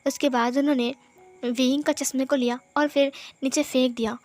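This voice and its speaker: A woman's voice: high-pitched, fairly even intonation, normal speed, darkish tone. A woman narrating a fan fiction story in a casual retelling style.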